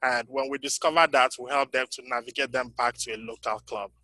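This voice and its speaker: Male panel speaker, bright forward tone, dry close sound, halting delivery with frequent ums. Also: mid-range voice, steady tone, no room sound, poor audio. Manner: halting, many ums, voice fading in and out. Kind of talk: conference breakout talk. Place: conference breakout room.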